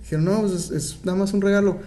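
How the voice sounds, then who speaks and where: A man, co-hosting a podcast and telling stories in an animated way, laughing often. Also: high voice, quick pace. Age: 20s. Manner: animated storyteller, laughs often, many fillers. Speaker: podcast co-host. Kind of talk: casual podcast conversation.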